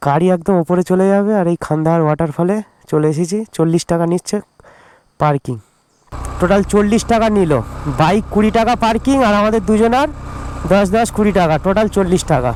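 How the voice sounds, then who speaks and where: A man's voice: high voice, a little fast, a little mellow, rough recording. A man travel vlogger with a Bengali accent, chatting casually to viewers as he rides and walks outdoors, stumbling and restarting now and then. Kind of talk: casual travel vlog narration. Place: outdoors, riding a motorbike on country roads and climbing steps. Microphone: action camera on the helmet. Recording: faint road and vehicle noise outdoors.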